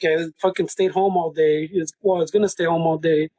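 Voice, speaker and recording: A man with a high, husky voice trades brash banter thick with slang and swearing. He switches easily between English and Spanish. His voice sounds dry and close to the mic. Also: steady tone, fairly quick, warm tone, dry recording, poor audio. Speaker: podcast co-host.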